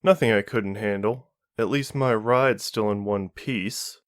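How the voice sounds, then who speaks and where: A man voicing a defiant young female mech pilot with sharp comebacks. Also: on the low side, unhurried, dry recording, clean studio sound.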